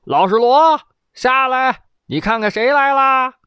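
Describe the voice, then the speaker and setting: A booming, playful emperor, as a storyteller puts him on in a dry, close recording. He calls out high and loud, his pitch leaping about with relish, as in a storybook telling. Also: expressive, normal speed, dry recording, lo-fi sound, natural voice. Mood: jovial calling. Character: commanding middle-aged male emperor, jovial.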